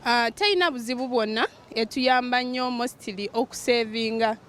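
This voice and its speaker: Female vendor, higher register, brief interview replies, faint ambient noise. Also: moderate pace. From western Uganda. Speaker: market vendor being interviewed. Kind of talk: short, simple interview answers. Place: community market. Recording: faint market background noise.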